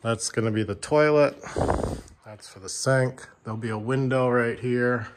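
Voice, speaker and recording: A Vermont man with a medium-pitched voice talks at a moderate pace through a casual, matter-of-fact tour of his building site. He films outdoors on a handheld phone camera, and the background is noisy.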